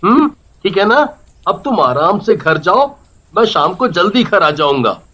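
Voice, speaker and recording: A performer voicing a gentle young male doctor who speaks in a soft, caring, mildly scolding way. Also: high-pitched, very animated, a little slow, exaggerated voice. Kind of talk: storybook voice acting.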